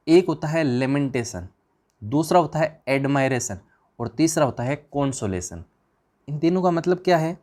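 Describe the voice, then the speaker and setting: A man's voice: mid-range voice, a little mellow. A man teaching an exam revision class, firing questions at the students and answering them himself in a chatty, informal way.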